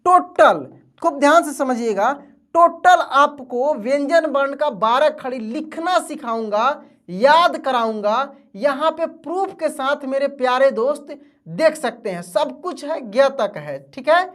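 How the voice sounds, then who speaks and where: A woman's voice: high voice, expressive, measured pace, a bit bright. A woman teacher giving an online alphabet lesson, asking and answering her own questions.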